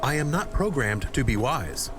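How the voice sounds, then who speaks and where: A too-smooth android voice, a man acting out a gentle male AI dog in a synthetic body. He speaks at a medium male pitch with a lively, rising-and-falling line, each word calm and machine-polished. Loud game music plays under him. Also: normal speed, lightly acted.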